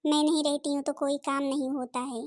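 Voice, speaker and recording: A woman's voice: high-pitched, level tone, a little fast, a little mellow. A woman voicing every figure of a cartoon family drama, from a sweet mother-in-law to scheming and scolding daughters.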